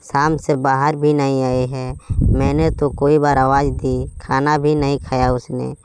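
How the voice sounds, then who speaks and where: A man's voice: medium pitch, little pitch movement, a little slow, noisy background, natural voice. A man voicing a chiding but motherly mother-in-law in a storybook tale. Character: mother-in-law, fussy then kindly. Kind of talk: storybook voice acting.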